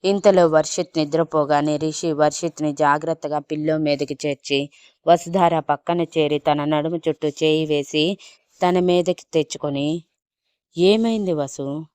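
A woman calmly narrating a scripted romantic story as a storyteller. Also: low voice, moderate pace, clean tone, no room sound. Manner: calm, steady storytelling.

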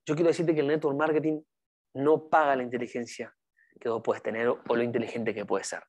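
A man's voice: medium pitch, little pitch movement, brisk, darkish tone. A man giving a motivational network marketing training, speaking emphatically and repeating his key phrases to the audience. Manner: addresses the audience directly. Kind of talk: motivational seminar talk.

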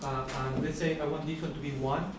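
A young man giving a university lecture in a large hall, explaining steadily with many pauses and uh fillers. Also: a little high, steady tone. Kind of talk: classroom lecture. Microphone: far camera at the back of the room. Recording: echoey hall recorded from far off, background hiss.

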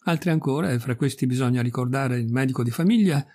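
A middle-aged man reading a classic story aloud in a measured, literary way, lifting his pitch a little for quoted speech. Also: darkish tone. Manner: measured literary reading, quoting characters with small pitch rises. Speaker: audiobook reader. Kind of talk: scripted narration of a classic tale.

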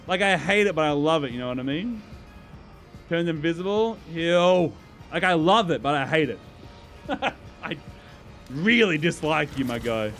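Excitable young-sounding gaming streamer man. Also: on the high side. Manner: excitable, swears often, laughs a lot, talks to chat. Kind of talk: casual gameplay commentary.

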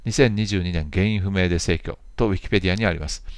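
A man's voice: low voice, fast, dry recording. A man in his fifties, host of a jazz channel, reading out viewer comments and answering them in a rambling, chatty way with playful asides.

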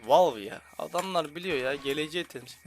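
A young man with a Turkish accent commentating his gameplay casually, joking and grumbling at the game with sudden loud outcries. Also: fairly high pitch, normal speed, a little hiss or hum. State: slight headache. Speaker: gaming YouTuber. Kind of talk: casual let's-play commentary. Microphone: headset.

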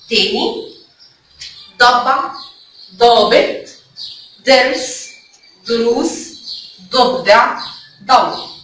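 Egyptian woman, fairly high voice, kindergarten teacher, coaxing question-and-answer delivery, very echoey room, mic at a distance. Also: fairly bright tone. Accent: Egyptian Arabic. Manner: asks questions and answers them herself, coaxing; stretches out letter sounds. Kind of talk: children's phonics lesson. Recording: very echoey room, mic far off, faint noise.

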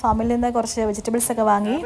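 Brisk, high-voiced woman narrating. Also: level tone, a crowd in the background. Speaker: travel vlog host. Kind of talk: casual voice-over narration. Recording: faint background noise.

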